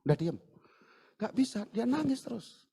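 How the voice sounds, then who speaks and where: Lively man preaching a story sermon. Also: very high-pitched, moderate pace, gravelly, slightly rough. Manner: lively storyteller, acts out dialogue in raised voices. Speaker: pastor. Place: church service.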